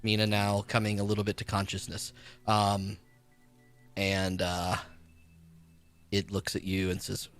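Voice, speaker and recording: Game master, male, bright and a touch low, halting narration with fillers. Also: monotone, faint music behind.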